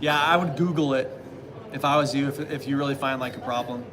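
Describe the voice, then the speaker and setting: A man in his thirties talks loosely to his live-stream viewers in a middle-pitched voice. He rambles and hedges, with many fillers and restarts. A steady noise runs under the recording. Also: brisk. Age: 30s. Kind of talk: casual live-stream chat reading viewer comments.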